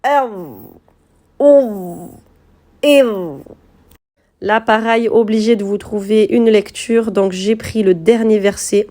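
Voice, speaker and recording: A woman's voice: medium pitch, little pitch movement, moderate pace, hardly any pauses, mellow. A woman teaching letter pronunciation in a patient, step-by-step lesson, repeating sounds so learners can compare them. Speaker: Quran reading teacher.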